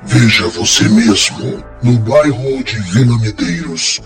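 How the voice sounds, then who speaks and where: A man voicing a menacing anonymous killer on the phone, his voice distorted as if by a voice changer, speaking slowly and coldly in an audio story. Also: mid-range voice, animated, pitched below the performer's own voice. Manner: slow, cold and taunting. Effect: distorted voice, as through a voice changer. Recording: music underneath.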